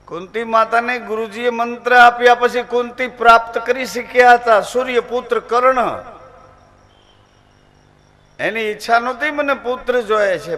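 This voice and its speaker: A man's voice: high voice, bright, forceful tone. A man giving a devotional discourse, telling a sacred story dramatically and repeating phrases for emphasis.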